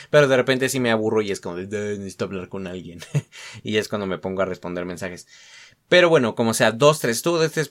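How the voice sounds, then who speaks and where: A man's voice: lowish voice, fairly bright tone. A young man with a Mexican accent hosting a casual solo podcast, rambling and slangy, full of fillers and self-mocking asides. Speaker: podcast host.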